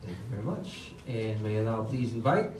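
A young man acting as master of ceremonies at a formal award ceremony, politely calling people up with many hesitant pauses. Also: lowish voice, animated. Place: hotel function room, at a lectern. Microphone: lectern microphone, filmed from far off. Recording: roomy far-off hall sound with music. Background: background music.

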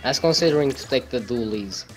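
A man's voice: medium pitch, lively intonation, quick pace, faint music behind. Playful trash-talking gamer guy. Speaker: gamer on a live stream. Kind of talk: casual gaming banter.

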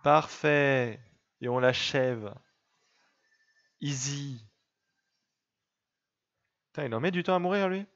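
A man's voice: a little high, expressive, moderate pace, fairly bright tone, smooth, dull audio. A young man giving casual gameplay commentary, chatting and teasing his game pet. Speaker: let's play gamer.

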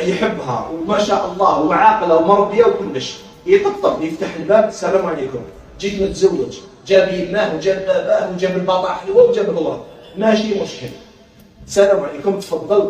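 A man with an Algerian Arabic accent giving a lively counseling lecture. He talks in an animated way and acts out little dialogues as he goes. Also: high voice. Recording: very echoey room, mic far off.

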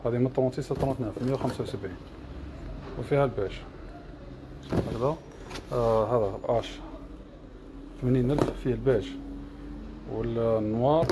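A man's voice: medium pitch, brisk, pauses often, noisy background. A man with an Algerian Arabic accent showing shoes in his shop, rattling off prices, sizes and colors in a list. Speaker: shop seller. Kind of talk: product showcase livestream. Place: shoe shop.

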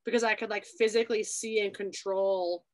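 A woman's voice: mid-range voice, steady tone, moderate pace. A young woman hosting a casual chat, talking loosely with lots of filler words. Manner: chatty, many "like" fillers. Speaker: YouTube host. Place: New York City.

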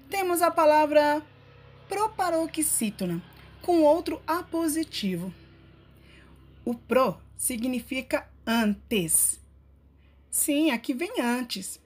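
A woman teaches a scripted lesson at a very unhurried pace. Her voice sits a little high, and she draws out the words she wants to stress. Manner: deliberate, stretching key words. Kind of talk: slow, scripted grammar lesson narration.

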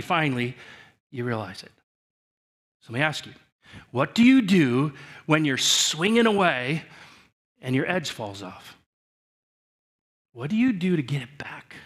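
A male pastor preaching a sermon in a church, speaking to the congregation in earnest and often restarting his sentences, his voice falling soft at the ends of phrases. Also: on the high side. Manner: earnest, repetitive direct address with frequent restarts.

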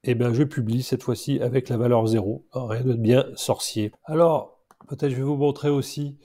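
Congested, mellow-voiced man, halting delivery. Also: medium pitch, steady tone. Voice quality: nasal, congested from a blocked nose. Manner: hesitant, improvised, halting delivery. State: stuffed-up nose from allergy. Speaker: vlogger showing his home solar setup. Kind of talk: casual screen-share tutorial.

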